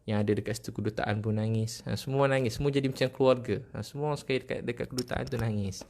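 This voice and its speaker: A man's voice: medium pitch, fairly even intonation, very fast, darkish tone. A middle-aged man with a Malaysian Malay accent, preaching as he tells a story. He talks with feeling, repeats himself and keeps asking his listeners questions. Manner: emotional, repetitive, asks the audience questions. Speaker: religious preacher. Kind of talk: storytelling religious talk.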